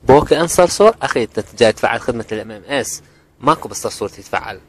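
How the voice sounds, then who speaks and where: A man's voice: mid-range voice, animated, racing. A man with an Iraqi accent working as a phone customer service agent, polite, patient and a little hesitant. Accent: Iraqi Arabic.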